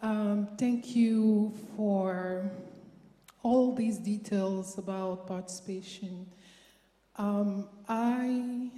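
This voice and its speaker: A woman from Cameroon in the audience introducing herself slowly and carefully before her question. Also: mid-range voice, warm tone. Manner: slow, careful, hesitant. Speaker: audience member asking a question. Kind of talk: question from the floor. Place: large lecture hall. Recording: echoey hall.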